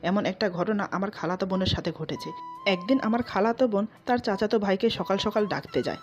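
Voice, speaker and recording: A woman narrating a romantic short story in a steady, scripted storytelling manner. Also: medium pitch, a little fast. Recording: slightly dull, soft music behind.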